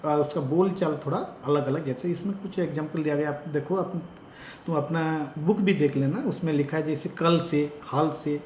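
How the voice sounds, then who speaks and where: A man who trains teachers gives a slow lecture in Hindi with an Odia-influenced accent and repeats example sentences with stress. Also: fairly high pitch, a little mellow, echoey room, a little hiss or hum. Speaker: teacher educator.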